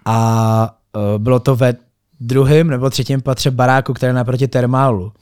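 Animated man telling event stories. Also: medium pitch, clean tone, dry recording, studio quality. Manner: animated storyteller, colloquial with English loanwords. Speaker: event organizer and DJ guest. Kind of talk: casual podcast conversation.

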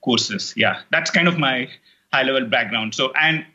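Guesting on a casual interview, a middle-aged man who makes online courses speaks Indian English; Telugu is his native language. His medium-pitched, bright, forceful voice runs at normal speed as he rambles, restarting and filling gaps often. High frequencies are missing.

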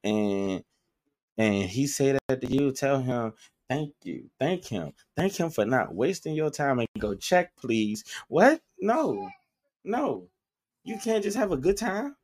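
A podcast co-host with a medium-pitched, slow voice chats casually. He animatedly retells stories, quoting what other people said.

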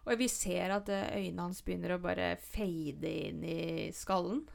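Middle-aged woman, casual storyteller, gravelly voice, animated retelling. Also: fairly low pitch. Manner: animated, vivid retelling with restarts. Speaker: storyteller in conversation. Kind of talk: casual chat.

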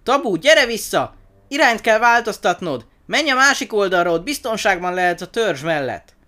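A man voicing a gentle storybook giraffe who pleads and shouts warnings in a raised, high voice. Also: big pitch swings. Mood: urgent shouting. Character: gentle giraffe growing urgent and alarmed.

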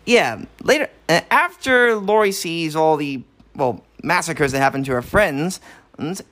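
A man co-hosting a podcast, casually recapping a horror film, animated and swearing freely. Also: a little high, unhurried. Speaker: podcast co-host.

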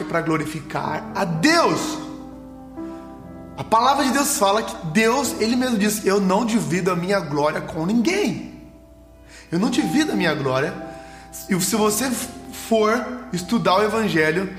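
High-voiced preacher in an echoey room. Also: male voice. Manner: animated, acts out voices of Bible characters, asks listeners questions. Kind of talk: sermon.

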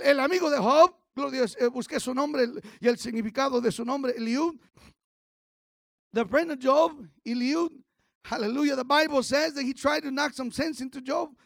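A male pastor preaching a bilingual sermon, often breaking into shouts, repeating each point in Spanish and English and sprinkling in hallelujahs. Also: very high-pitched, gravelly, dry recording, clean studio sound.

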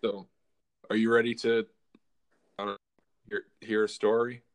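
A man's voice: on the low side, little pitch movement, normal speed. Rambling man hosting a podcast. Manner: rambling, full of "like" fillers and restarts. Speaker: podcast host. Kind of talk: casual podcast chat, telling a true story.

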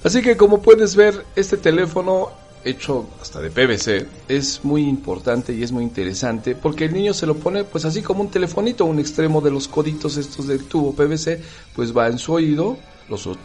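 Animated man, chatty host. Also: medium pitch, moderate pace, faint music behind. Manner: animated, rhetorical questions, acts out dialogues. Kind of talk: casual talk to the listener.

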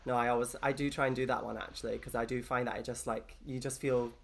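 A woman's voice: rumbling low, little pitch movement, quick pace, gravelly. A woman hosting a podcast, asking questions in a playful, joking casual chat. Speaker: podcast host.

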